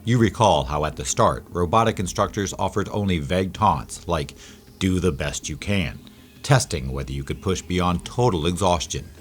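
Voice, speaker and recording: A man giving dramatic, measured scripted documentary narration, slowing down on key phrases. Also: low-pitched, lively intonation, soft background music.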